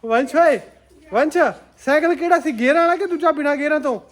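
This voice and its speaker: A woman's voice: high voice, quick pace. A woman vlogger chatting casually, coaxing and repeating herself and laughing often. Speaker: family vlogger. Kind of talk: casual family vlog chat.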